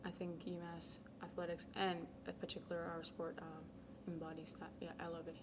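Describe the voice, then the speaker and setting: A young Ghanaian woman, a college tennis captain, answers interview questions in a low, fairly flat voice at a fairly quick pace. She talks casually and softly, filling her answers with ums and sometimes fading almost to a whisper. Noticeable background noise runs beneath the recording.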